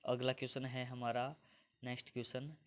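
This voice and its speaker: A man's voice: medium pitch, completely flat delivery, fairly quick, clean tone. A man from India teaches English grammar for exams step by step and keeps addressing his viewers as friends. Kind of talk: exam-prep grammar lesson.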